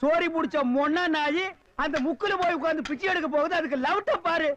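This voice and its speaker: A mouthy fake beggar who scolds. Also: male voice, extremely high pitch, quick pace, highs cut off. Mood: mocking. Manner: scolding, mocking retorts. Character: mouthy adult man posing as a beggar. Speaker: comic lead in a film scene. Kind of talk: 1980s Tamil film comedy dialogue.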